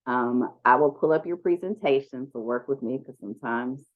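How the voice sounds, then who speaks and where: A deep-voiced woman moderates an online conference panel, introducing speakers at normal speed in a relaxed, chatty style full of ums. The audio is dull and lo-fi, like it came through a video call.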